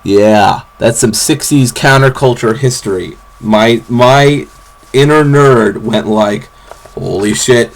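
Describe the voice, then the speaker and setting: A young man rambling casually in a vlog from his bed, with lots of fillers and restarts, recorded on a camera's built-in mic. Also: slow. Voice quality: very low, bassy, gravelly voice. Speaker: vlogger. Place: bedroom, sitting on a bed.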